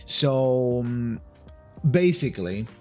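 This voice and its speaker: A man's voice: medium pitch, animated, takes it slowly, a little mellow, faint music behind. A man giving casual, speculative video commentary, rambling and hesitant, repeating words and swearing lightly. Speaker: video creator giving game news.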